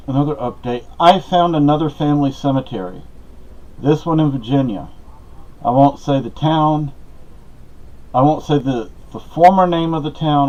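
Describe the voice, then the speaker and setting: A middle-aged man with a slightly mellow, mid-range voice hosts a podcast, sharing personal updates. He rambles casually and conversationally, drifting into asides and personal anecdotes, all on dull lo-fi audio.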